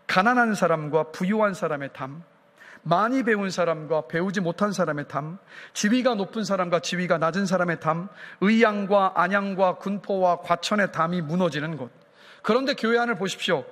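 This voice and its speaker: A man preaching a sermon with a high, ringing voice, his lines trailing off in the long echo of a church sanctuary. A pastor from the Chungcheong region, he keeps putting questions to his congregation and drives toward forceful climaxes. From South Korea, Chungcheong region. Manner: fires rhetorical questions at the congregation, rising to emphatic peaks. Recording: long reverb of a church hall.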